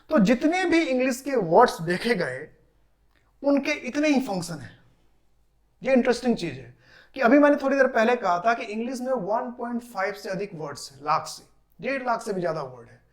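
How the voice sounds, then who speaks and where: A man teaching English grammar in a classroom lecture. He asks questions, answers them himself and repeats key terms slowly. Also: very high-pitched. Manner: drills terms with repetition.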